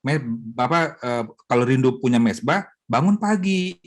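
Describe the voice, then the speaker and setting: A middle-aged man, a pastor, teaching a Bible study in a lively, joking way, acting out wives' prayers. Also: mid-range voice, normal speed. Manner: animated, joking, mimics wives praying.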